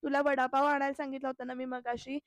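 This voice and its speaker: A woman's voice: high-pitched, level tone, quick pace, no echo, natural voice. A woman reading the lines of a stern senior woman doctor who scolds her staff, in a serial recap. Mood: scolding.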